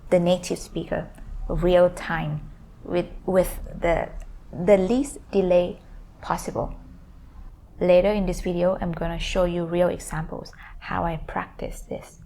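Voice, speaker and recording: A woman's voice: lowish voice, steady tone, measured pace, creaky, dark tone. A woman hosting a language learning video, explaining pronunciation tips step by step with some hesitations.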